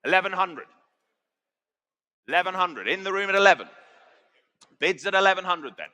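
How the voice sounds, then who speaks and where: A man's voice: high-pitched, expressive, moderate pace, sharp tone. A British man working as an auctioneer, calling bids in a conversational way and repeating the figures. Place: auction sale room.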